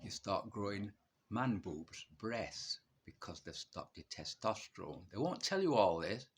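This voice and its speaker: A vlogger in his early sixties shares his illness straight to the camera in a blunt, defiant monologue, posing questions to himself and answering right away. His lowish voice has a breathy edge, big pitch swings and a measured pace.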